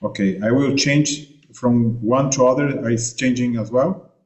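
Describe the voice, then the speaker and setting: A man's voice: mid-range voice, measured pace, darkish tone. A man originally from Argentina, giving a seminar talk remotely over a video call, with many fillers and restarts. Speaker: invited remote speaker.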